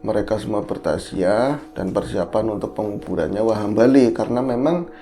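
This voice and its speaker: A man's voice: fairly low pitch, moderate pace, mellow, soft background music. A man co-hosting a podcast, telling a horror story in a casual, conversational way and checking in with his co-host.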